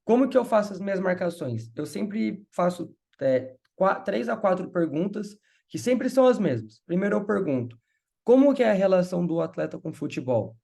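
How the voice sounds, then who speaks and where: A man's voice: high voice, very animated, gravelly, mellow. A man with a Brazilian Portuguese accent giving a casual sales training talk and acting out sample phone calls. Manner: acts out calls in quick shifts of voice. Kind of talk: casual training talk with role-play examples.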